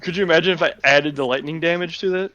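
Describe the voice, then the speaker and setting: A man playing a tabletop game, chatting excitably and laughing often. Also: fairly high pitch, fast. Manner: excitable, laughing, talks over others. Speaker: player. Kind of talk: casual tabletop game chat. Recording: muffled lo-fi mic.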